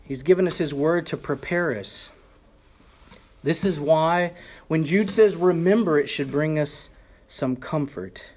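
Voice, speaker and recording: A man's voice: fairly high pitch, measured pace, a little mellow. A male pastor preaching a sermon, earnest and conversational, with emphatic rises when quoting scripture. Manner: conversational asides to the congregation.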